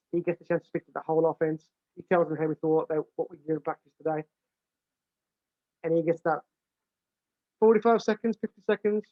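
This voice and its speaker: On a dry, tinny, phone-like line with no echo, a British man with a big voice on the high side talks plainly and casually. A football coach, he explains how he develops his staff, frequently starting over and repeating words.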